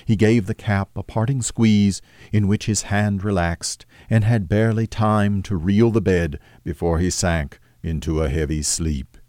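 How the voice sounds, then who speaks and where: A man with a deep, dark, mellow voice reads a classic story aloud in a measured, steady way. The recording is close and dry, with no room sound at all. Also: dry recording. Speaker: audiobook narrator. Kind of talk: scripted narration of a classic novel.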